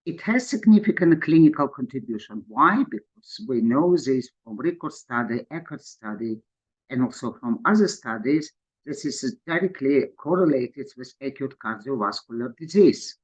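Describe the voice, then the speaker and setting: A man from Georgia delivers a webinar talk as an endocrinologist. His English is halting, with frequent pauses and fillers. The audio is a little dull, like a video call. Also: medium pitch, animated, husky. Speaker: conference speaker, endocrinologist. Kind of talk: webinar presentation.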